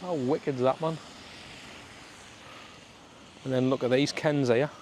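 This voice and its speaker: A man's voice: mid-range voice, fairly even intonation, takes it slowly. A man with a Sunderland accent chatting casually as he vlogs outdoors on the street, in a matey way full of regional slang. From Sunderland, north-east England. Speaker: travel vlogger. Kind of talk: casual walking vlog chat to camera. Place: outdoors on a suburban street in the rain. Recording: outdoor street and traffic noise.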